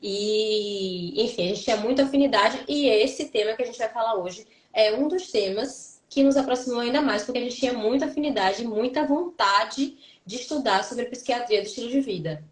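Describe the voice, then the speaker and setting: A woman's voice: a little high, moderate pace, hardly any pauses. A woman psychologist from Salvador with a Bahian accent, talking earnestly and reflectively in a live stream conversation. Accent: Bahian Brazilian Portuguese. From Salvador, Bahia, Brazil. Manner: earnest, reflective, speaks in long runs with restarts. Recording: roomy echo.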